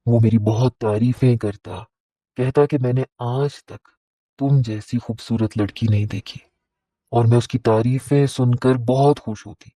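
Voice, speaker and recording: A man narrating a first-person moral story at a steady, even pace. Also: mid-range voice, dry recording, low-quality recording.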